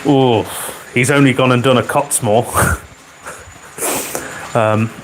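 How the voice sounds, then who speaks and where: A man's voice: mid-range voice, fairly even intonation, takes it slowly, background noise. Man hosting a casual livestream. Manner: chatty, reads out viewer comments with dry humor. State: keeps clearing his throat. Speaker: livestream host. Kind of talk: casual live chat. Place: home garage with a model railway layout. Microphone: wearing a microphone.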